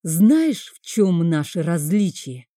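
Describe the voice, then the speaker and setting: A woman's voice: on the low side, very animated, slow, mellow, dry recording, clean studio sound, exaggerated voice. A woman voicing a bitter, sarcastic grieving man in an audiobook. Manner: bitter, biting.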